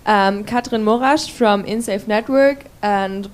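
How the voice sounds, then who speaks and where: A woman's voice: mid-range voice, measured pace. Hesitant woman speaking up at a conference. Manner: hesitant, many fillers and restarts. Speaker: conference participant. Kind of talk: spontaneous floor remark. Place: conference room.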